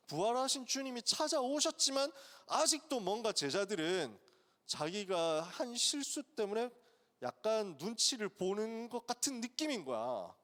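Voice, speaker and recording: A man's voice: sits high, a bit bright. A male pastor giving a sermon to students in a casual, colloquial storytelling way, acting out the dialogue. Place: church sanctuary. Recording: long hall reverb.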